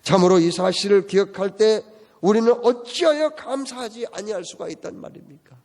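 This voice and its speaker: A man's voice: sits high, fairly quick, creaky, darkish tone. A male pastor preaching a sermon emphatically, driving it with rhetorical questions. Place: church sanctuary. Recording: long church-hall reverb.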